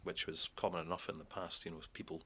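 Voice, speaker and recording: A man giving an explanatory interview, thoughtful and filling pauses with "you know". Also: low-pitched, flat delivery, fairly bright tone, husky. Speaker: expert interviewee.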